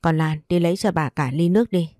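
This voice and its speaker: A woman voicing a second wife who gently calms another woman down, in a storybook reading. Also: fairly low pitch, fairly quick, no echo, studio quality, faint music behind, lightly acted. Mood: soothing. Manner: gentle, placating. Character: second wife, calm and soothing.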